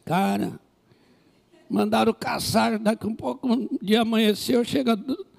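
A man with a Brazilian Portuguese accent, a pastor telling a story in a sermon with animated comic asides. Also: high-pitched, a little slow, vocal fry.

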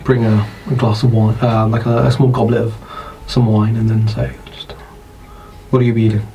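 A man with a British accent, narrating as dungeon master in an unhurried, descriptive way. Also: on the low side, flat delivery, dark tone, slight background noise, rough recording. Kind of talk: narrating a tabletop game.

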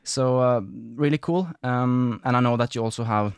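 A man's voice: medium pitch, moderate pace, smooth, dry recording, studio quality. A man from Norway hosting a podcast interview, talking in a rambling, apologetic way with many fillers. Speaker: podcast host. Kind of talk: casual interview chat.

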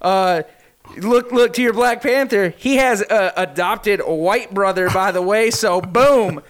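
A man co-hosting a casual wrestling podcast, excitable and quick to laugh and jump in. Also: high voice. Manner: excitable, laughs often, jumps in. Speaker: podcast co-host.

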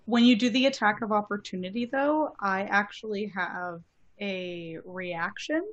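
A woman playing a tabletop game, asking quick questions about the rules with some hesitation. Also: mid-range voice, highs cut off. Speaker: player. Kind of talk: casual game chat.

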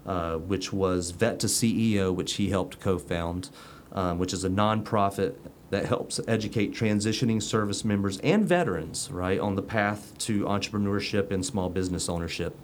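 A man's voice: sits low, fairly even intonation, moderate pace, hardly any pauses, a little hiss or hum. A man hosting a casual chat show, joking and rambling with fillers. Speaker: host.

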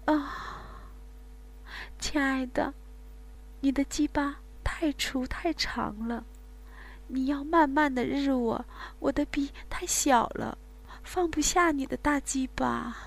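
A woman's voice: high voice, slow, creaky, pitched above the performer's own voice, full character voice. A woman doing a breathless, pleading young lover.

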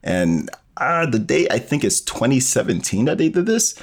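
This man, a podcast guest from bioinformatics who is also a storyteller, gives a casual step-by-step explanation full of hesitant fillers. His medium-pitched voice is creaky and sing-song, moving at a moderate pace.

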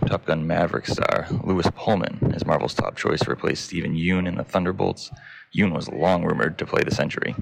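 A man's voice: a bass voice, vocal fry, fairly bright tone, rough recording. A man hosting a podcast, reading scripted entertainment headlines with casual asides. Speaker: podcast host.

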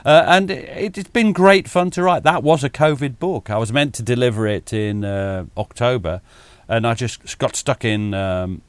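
A middle-aged man, a military historian talking as a guest over a video call, animated and self-deprecating, chuckling often and restarting his sentences. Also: mid-range voice, moderate pace, hardly any pauses, clean tone, no room sound.

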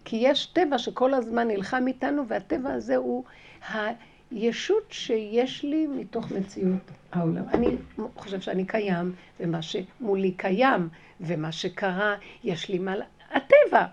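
A woman teaches a spiritual lesson by way of a personal story, acting out her own past conversations and repeating key phrases with animated emphasis. Her voice is medium-pitched and gravelly, and the lo-fi recording has a noisy background.

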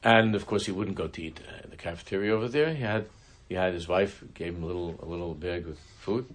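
A man teaching a religious class, telling a story in a halting way, often restarting his sentences. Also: low-pitched. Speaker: Torah teacher.

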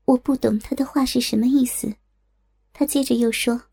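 A woman telling a first-person story in calm, steady narration. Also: fairly high pitch, normal speed, gravelly, husky.

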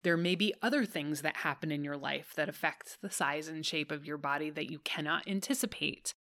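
A woman's voice: low voice, brisk, fairly bright tone, no room sound, studio quality. A woman co-hosting a casual podcast, answering a listener's letter in a reassuring, conversational way with frequent "like"s. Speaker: podcast co-host.

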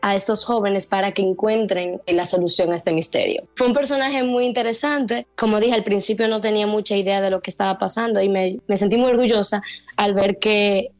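A young woman from the Dominican Republic talks with a neutral Latin American Spanish accent. She sounds earnest and lively, with a mid-range voice. The sound is dry and close, with no room around it. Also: medium pitch, a little fast, no room sound, faint music behind. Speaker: actress, interview guest. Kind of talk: casual interview talk.

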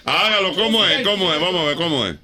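A man's voice: sits high, expressive, fast, a loud crowd. A man hosting a radio show, teasing and insistently questioning his guest in playful banter. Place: radio studio.

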